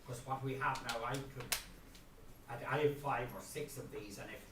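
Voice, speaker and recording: A man's voice: medium pitch, steady tone, moderate pace, fairly bright tone. A man with an Irish accent, making an informal comment from the floor at a public meeting. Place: hotel function room at a public event. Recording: echoey room, distant mic, clear noise.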